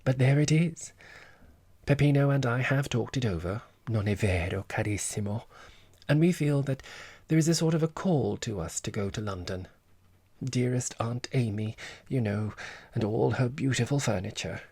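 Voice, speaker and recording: A man's voice: mid-range voice, normal speed, darkish tone, slightly rough, dry recording, pitched above the performer's own voice. A man voicing an affected, self-important society woman in an audiobook, with airy, theatrical phrasing and Italian endearments. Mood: gushing. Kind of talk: audiobook character voice.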